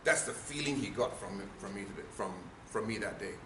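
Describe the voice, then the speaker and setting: A man's voice: fairly low pitch, fairly quick. A man giving a speaking workshop, emphatic and questioning the audience. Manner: emphatic, asks the room questions. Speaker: speaking trainer. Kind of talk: workshop lecture. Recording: echoey room, faint noise.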